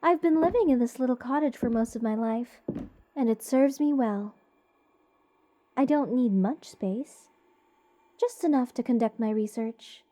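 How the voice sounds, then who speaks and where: Slightly high and mellow, this woman's voice is lightly acted as she portrays an eccentric mage smitten with cursed creatures. She's a voice actor addressing the listener in a whimsical fantasy ASMR roleplay, rambling slowly and dotingly in a theatrically whimsical way. Her mood is dreamy and fond.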